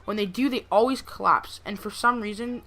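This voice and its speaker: A young woman who makes gameplay videos tells a personal story over her gameplay, rambling casually and dropping fillers like "like" and "you know." Her medium-pitched voice is bright and forceful, and she talks a little fast.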